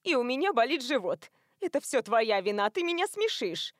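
A woman's voice: sing-song, moderate pace, dry recording, clean studio sound. A woman voicing a cheerful, giggly, drunk young woman in an audiobook story. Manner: high, laughing, bubbly.

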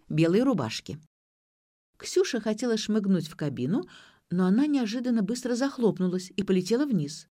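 A woman narrating an audiobook with expressive, lively storytelling. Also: mid-range voice, dry recording, studio quality. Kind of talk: audiobook reading.

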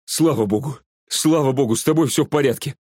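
A man's voice: fairly low pitch, normal speed, slightly rough, dry recording, clean studio sound. Gleb, a man doing a frantic young man. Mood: frantic relief. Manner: excited, pleading, raised voice.

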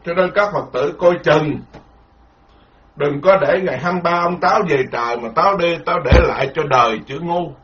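A Buddhist monk giving a dharma talk, animated, repeating words and laughing ruefully. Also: male voice, a little high, moderate pace, slight background noise. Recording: lo-fi muffled recording.

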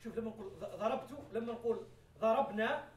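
A man teaches grammar to a class, drilling examples over and over and quizzing his students. His voice sits very high and moves at a brisk pace. He is picked up from a distance, with the room's echo clearly around him. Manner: explains by repeating examples, asks the class questions, laughs now and then. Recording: echoey classroom from far off.

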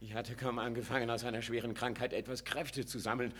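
A frail, husky old father begging. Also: mid-range voice, flat delivery, a little fast, fairly bright tone. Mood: pleading. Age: older. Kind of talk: classic radio play acting.

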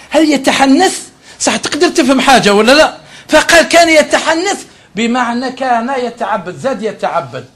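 A man's voice: very high voice, a bit bright. A man with an Algerian accent teaching a religious lesson, moving between classical Arabic and dialect in a chatty way. He often checks with his listeners and corrects himself mid-phrase.

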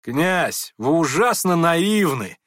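A man's voice: fairly high pitch, big pitch swings, takes it slowly, a bit bright, no echo, studio quality, pitched above the performer's own voice, exaggerated voice. A man voicing a mocking, spiteful young man with a sneering manner. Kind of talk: audiobook character voice.

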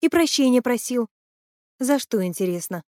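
A woman voicing an excitable young female sidekick who speculates eagerly, in a higher voice. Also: moderate pace, dry recording, clean studio sound, natural voice. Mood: excited.

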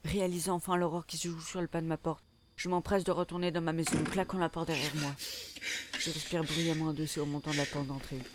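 A man's voice: on the high side, level tone, fast, a little hiss or hum. A man narrating a first-person audio drama in a tense, urgent way. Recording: loud music under the voice.

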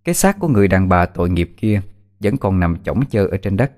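Low-voiced male storyteller. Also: very animated, brisk, darkish tone, soft background music. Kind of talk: narrating a dark folk tale.

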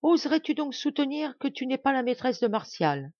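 A woman's voice: mid-range voice, animated, normal speed, a little mellow, no room sound, lo-fi sound, lightly acted. A woman voicing a cold, vengeful noblewoman. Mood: accusing. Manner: harsh, accusing, mocking. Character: cold vengeful young noblewoman, iron-willed poisoner.

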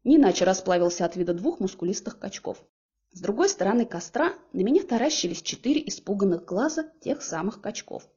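Husky woman narrating an audiobook. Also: medium pitch, muffled recording. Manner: lively, expressive storytelling. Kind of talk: first-person audiobook narration.

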